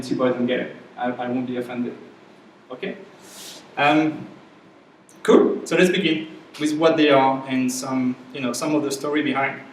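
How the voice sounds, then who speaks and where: In an echoey room, a distant mic picks up a workshop instructor's somewhat high voice along with a little hiss or hum. He speaks with a French accent and keeps his class presentation casual and chatty, often checking in with his live audience.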